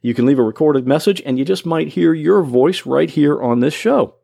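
A man's voice: on the high side, expressive, normal speed, gravelly, dark tone, no echo, studio quality. A man hosting his own computer help podcast, explaining things patiently step by step in plain words. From Florida. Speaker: podcast host and computer tutor. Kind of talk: solo instructional podcast.

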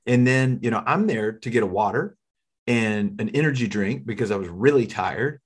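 A man's voice: fairly low pitch, expressive, normal speed, husky. A man telling a healing testimony in an earnest, conversational way, often repeating words as he starts. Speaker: minister sharing a testimony.

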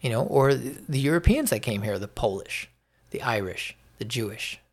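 Hosting his own opinion podcast, an American man talks with a medium-pitched, gravelly voice full of fry and lively intonation. The delivery is halting and unscripted, driven by phrases he repeats for emphasis.

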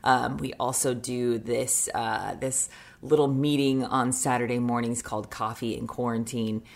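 A young woman chatting casually as a podcast co-host, her voice sitting extremely low and sounding groggy. She talks loosely, with plenty of ums and easy laughter. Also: fairly even intonation, unhurried, creaky. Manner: chatty, laughing often, many fillers. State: groggy morning voice. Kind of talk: casual chat.

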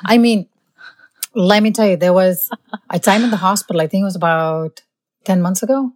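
A woman's voice: mid-range voice, normal speed, darkish tone. A woman physician telling workplace anecdotes in casual conversation, emphatic and indignant. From born in India, raised in the US. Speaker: physician guest.

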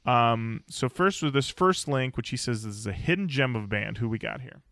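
A man co-hosting a podcast, chatting casually and telling jokey stories in an animated way. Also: medium pitch, normal speed, vocal fry, no echo. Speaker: podcast co-host.

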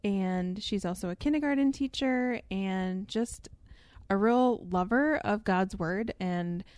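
A woman's voice: mid-range voice, slow pace, darkish tone, dry recording. A woman hosting a faith podcast, speaking in a friendly, conversational way. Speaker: podcast host. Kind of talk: casual chat.

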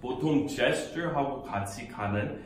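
A man with a hoarse voice from a cold, teaching English in a casual bilingual lesson and saying example sentences slowly. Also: medium pitch, slight background noise. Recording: very echoey room.

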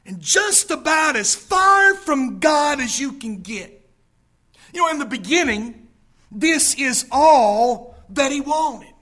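A man preaching a sermon with dramatic delivery, rising to shouts and falling to near whispers. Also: very high-pitched, expressive, slow. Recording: podcast sermon recording.

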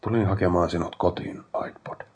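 A man reading the first-person narrator's own dialogue in an audiobook, in a quiet, firm, pleading tone. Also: deep voice, steady tone. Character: shaken sibling confronting a mad brother.

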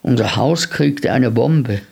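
A man voicing a frightened, stubborn nine-year-old boy in a storybook reading, hesitant and halting. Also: mid-range voice, creaky, a little mellow, slightly rough, heavily acted. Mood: sad, hushed.

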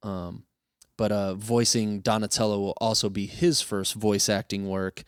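A man hosting a casual podcast chat, animated and quick to laugh. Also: fairly low pitch, smooth, no room sound, studio quality. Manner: animated, breaks into quick character impressions and laughs. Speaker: podcast host.

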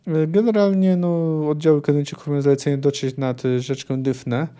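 A man on a podcast talks through a novel, hesitant and full of fillers. His voice is somewhat high and mellow. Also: steady tone, brisk. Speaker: podcast host. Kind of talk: reading a novel and commenting on it.

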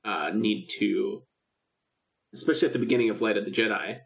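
This man has a fairly low, creaky voice and talks fairly quickly. He's co-hosting a podcast, loosely and energetically discussing a film radio drama while performing bits of its dialogue.

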